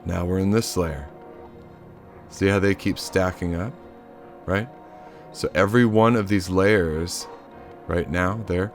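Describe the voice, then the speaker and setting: A deep-voiced man walks through a synth module at an easy, unhurried pace. He is chatty and informal, dropping jokes and the occasional curse as he demonstrates. Faint synth music plays underneath. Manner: loose, chatty, swears offhandedly. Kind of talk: casual hands-on tutorial.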